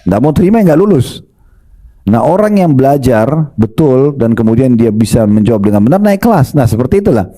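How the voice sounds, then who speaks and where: Male preacher, very warm mellow voice, lively storytelling sermon to the congregation. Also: medium pitch, brisk. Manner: lively, retells stories and addresses the congregation.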